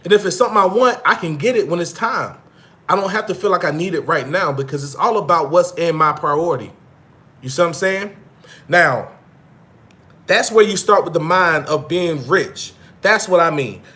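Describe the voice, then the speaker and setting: This thirties-aged vlog host has a fairly high, bright voice with lively intonation and a forceful tone at a normal pace. In a casual monologue to live viewers, he swears freely, piles on slang, and hammers points by repeating them.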